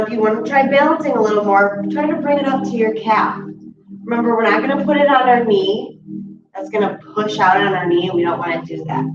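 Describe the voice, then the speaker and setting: Woman guiding chair yoga from afar. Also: mid-range voice. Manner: calm step-by-step cueing, slows to hold poses. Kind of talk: guided exercise instruction. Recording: distant, roomy, dull audio with steady background noise.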